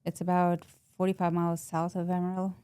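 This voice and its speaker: A woman from Texas, a podcast guest giving soft-spoken, short and plain answers. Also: lowish voice, completely flat delivery, fast, clear, resonant tone, dry recording. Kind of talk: interview answers.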